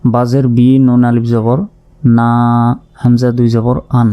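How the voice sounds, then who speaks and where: Slow, patient male Quran teacher. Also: mid-range voice, completely flat delivery, mellow, lo-fi sound. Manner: slow, patient, methodical explanation. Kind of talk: spelling out Quranic Arabic letter by letter.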